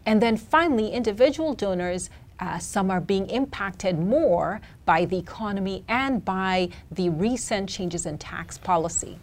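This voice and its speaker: A woman researcher giving measured, explanatory answers in an interview about charitable giving. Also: mid-range voice, animated. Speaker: philanthropy researcher.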